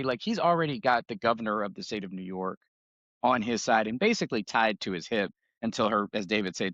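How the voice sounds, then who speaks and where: A man's voice: medium pitch, fairly bright tone, no echo. Man, podcast co-host, casual joking chat, dry dull lo-fi audio. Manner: laid-back, jokey, reads notes aloud.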